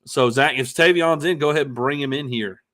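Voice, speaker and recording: A mid-range, fairly bright male voice belongs to a podcast host running a live sports show as a casual live-stream chat. His speech is halting, with frequent "uh"s and restarts.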